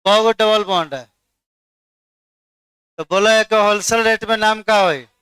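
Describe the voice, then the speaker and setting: A chemistry teacher with a high, bright, smooth, clear voice lectures unhurriedly, recorded close and dry. He coaxes his class, repeating "dekhiye" to hold their attention and quizzing students one by one.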